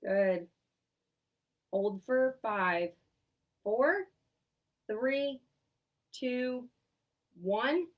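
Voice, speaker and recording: Stuffy from sinus trouble, a young woman occupational therapist upbeatly instructs an online seated exercise class, counting down every hold with encouragement. She speaks very slowly at a fairly high pitch, pausing often. The sound is dull and picked up from far away.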